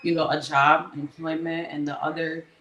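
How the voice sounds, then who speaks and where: A woman from Liberia, answering interview questions in a measured way, often pausing with um and like. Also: low-pitched, flat delivery, a bit bright, muffled recording, slight background noise. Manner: measured, fills pauses with um and like. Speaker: interview guest. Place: studio. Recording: roomy studio with faint ambience.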